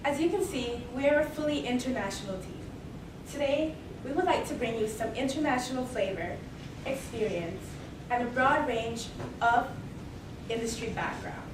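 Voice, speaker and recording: Heard from far off in a large, echoey hall over steady background noise, a young adult female student from Mexico and Belize gives a rehearsed case presentation. Her slightly high voice stays measured and formal as she pitches, repeating "moving right along."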